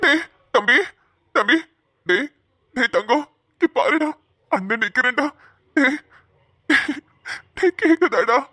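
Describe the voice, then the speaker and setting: A woman's voice: sits high, lively intonation, slow, pauses often, sharp tone, no room sound, studio quality, exaggerated voice. A woman voicing a devoted, emotional elder brother in a cartoon, calling out anxiously and pleading. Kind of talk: cartoon voice acting.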